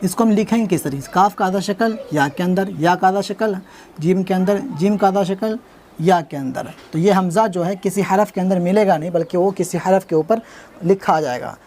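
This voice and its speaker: A man's voice: high-pitched, normal speed, a little mellow, slight background noise. A man teaching how to write words, spelling them out letter by letter, repeating each word, and asking himself what it turns into. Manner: spells out letters one by one and asks himself "what does it become?"; patient, repetitive explaining. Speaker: Urdu writing teacher. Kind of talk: step-by-step writing lesson.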